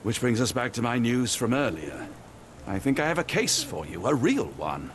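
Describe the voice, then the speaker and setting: An actor playing a courteous, patient doctor, a loyal companion to a detective in a video game, polite and tactful. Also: male voice, mid-range voice, wildly swooping pitch, moderate pace, a little hiss or hum. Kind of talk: video game cutscene acting.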